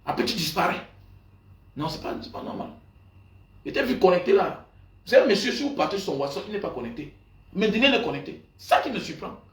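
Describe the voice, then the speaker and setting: A man's voice: high-pitched, big pitch swings, a little fast, pauses often, distant mic. A man, a pastor, chatting on a live stream to viewers, rambling and repetitive, greeting them by name and growing heated. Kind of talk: casual live-stream chat. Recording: echoey room, voice off-mic.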